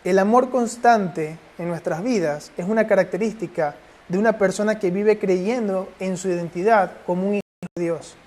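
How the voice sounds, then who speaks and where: A man's voice: sits high, moderate pace, a little mellow. A man preaching a sermon and then leading a prayer, pressing his listeners with urgent rhetorical questions.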